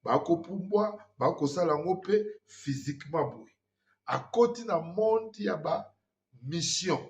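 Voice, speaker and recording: A man, hosting an earnest spiritual warning talk and mixing in French phrases. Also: a little high. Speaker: host. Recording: dull lo-fi sound.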